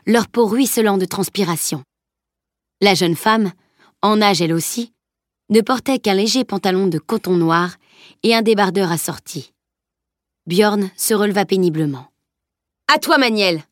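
A woman narrating an audiobook in a steady, even storytelling manner. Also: medium pitch, normal speed, no echo, studio quality. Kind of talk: scripted narration.

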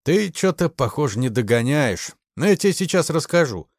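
A man's voice: a little high, big pitch swings, moderate pace, dry recording, studio quality, voice pushed up. A man voicing a crude, threatening secret-police major who mocks and bullies. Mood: mocking. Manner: coarse, mocking, threatening.

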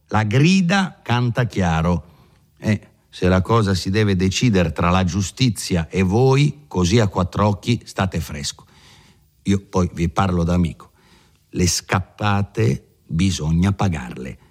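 A man's voice: sits low, expressive, slow pace, heavily acted. A man doing a pompous old country lawyer. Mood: patronizing. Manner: patronizing, then blustering and dismissive. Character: pompous older male country lawyer, wheedling. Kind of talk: audiobook reading.

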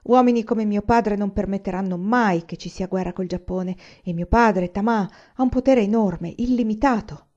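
Eager young man in a story, pushy and emphatic, woman voicing him, warm dull sound. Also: high voice, normal speed, hardly any pauses, lightly acted. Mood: urgent. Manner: urgent, emphatic. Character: young Chinese man, passionate and impulsive.

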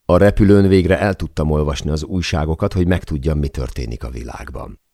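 A man reading a first-person memoir aloud as an audiobook narrator, in a measured, deliberate way. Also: rumbling low, creaky, mellow, no echo, studio quality.

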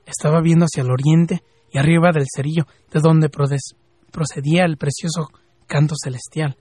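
Fervent Mexican man, husky voice. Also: on the high side, fairly even intonation, dark tone, no echo. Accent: Mexican Spanish, from Jalisco. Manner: fervent, rising to emphatic questions, then slow and drawn out. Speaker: radio host.

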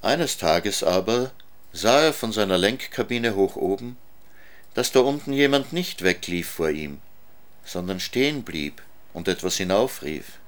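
A man reading a children's story aloud in a calm, measured way. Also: fairly low pitch.

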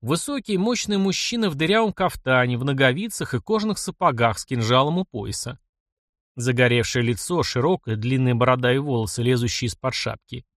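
Guy reading a dark fantasy audiobook, lively expressive voice, dry close sound. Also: mid-range voice, a little fast, no room sound. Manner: expressive storytelling. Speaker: audiobook narrator. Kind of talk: dramatic audiobook narration.

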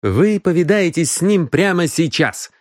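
A man reading a brisk young man. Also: on the high side, big pitch swings, no room sound, studio quality, pitched above the performer's own voice. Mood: matter-of-fact.

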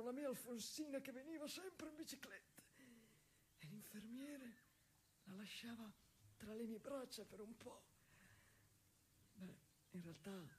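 Speaking naturally in a mid-range voice, a woman performs a stage monologue as a gentle, wistful husband held in an asylum, her intimate phrasing halting, simple, repetitive and emotive. Slight background noise can be heard.

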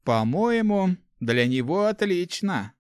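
A man's voice: high-pitched, big pitch swings, takes it slowly, darkish tone, smooth, no room sound, studio quality, voice pushed up, full character voice. A man voicing an angry young male mage in an audiobook, blunt and clipped. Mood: curt. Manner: curt, clipped. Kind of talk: audiobook character voice.

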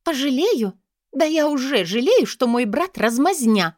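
A woman voicing a hysterical young noblewoman who sneers and shouts. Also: very animated, moderate pace, dry recording, studio quality. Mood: scornful. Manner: sneering, shrill outbursts.

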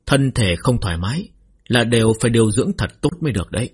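A man voicing a genial elderly high official who speaks mildly and courteously. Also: lively intonation, fast, a little mellow, slightly rough. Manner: mild, courteous.

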